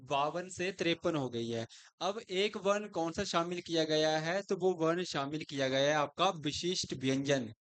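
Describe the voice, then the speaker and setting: A man's voice: fairly high pitch, normal speed, fairly bright tone, smooth. A man teaching grammar who keeps asking questions and answering them himself. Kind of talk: explanatory lesson.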